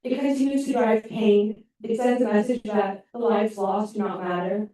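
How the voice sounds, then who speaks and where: A woman's voice: medium pitch, fairly even intonation, moderate pace, dark tone. A young woman, a sorority president, giving prepared, earnest public comment at a student meeting. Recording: echoey hall, mic from a distance.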